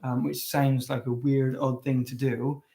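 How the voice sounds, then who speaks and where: A man's voice: medium pitch, flat delivery, unhurried, gravelly, mellow. Man, co-host, earnest coaching tone, mid-range voice, casual webinar talk. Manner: earnest, conversational, many restarts. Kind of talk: casual teaching chat.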